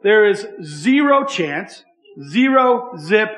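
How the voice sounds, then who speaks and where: A man's voice: sits high, big pitch swings, slow, fairly bright tone. A man preaching an interactive children's sermon, asking his listeners questions and repeating key phrases.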